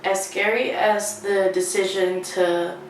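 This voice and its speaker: A woman in her twenties vlogs from a small indoor bathroom, the distant mic making the recording very echoey, with slight background noise. Her mid-range voice is slow with little pitch movement as she rambles candidly and casually, confessional in tone and swearing freely.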